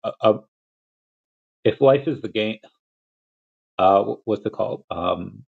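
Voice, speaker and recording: A young man from Peru hosting a casual livestream chat, rambling and restarting his sentences, with quick laughs between thoughts. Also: on the low side, creaky, breathy edge. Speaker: crypto livestream host. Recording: lo-fi dull audio.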